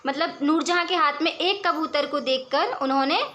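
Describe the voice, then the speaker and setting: A woman teacher explaining verse examples in a lesson, reading lines slowly and then explaining them patiently. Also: high-pitched, fairly bright tone.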